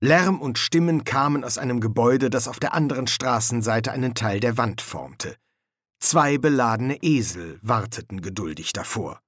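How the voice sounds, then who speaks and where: A man narrating an audiobook with a lively storytelling delivery on a close microphone. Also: mid-range voice, normal speed, no echo. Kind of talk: scripted narration.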